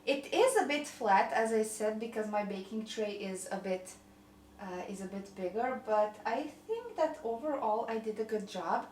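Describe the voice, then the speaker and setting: In her home kitchen, a young woman with a Croatian accent bakes and chats in a loose, rambling, self-deprecating way for her vlog, laughing at herself often. Her medium-pitched voice is expressive and a little mellow at normal speed, in a reverberant space with slight background noise.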